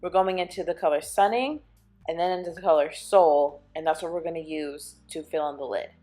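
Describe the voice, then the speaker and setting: A young woman with a slightly low voice chats through a makeup tutorial, explaining each step as she goes. Soft music plays behind her. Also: a little fast. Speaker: beauty vlogger. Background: soft background music.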